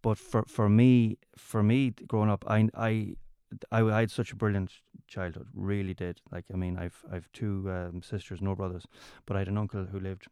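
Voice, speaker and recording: With little pitch movement, his fairly low voice sounds dark, clear and resonant in a studio recording free of room sound. The County Mayo comedian, speaking in a west of Ireland accent, tells conversational stories as an interview guest, often repeating words and beginning phrases anew.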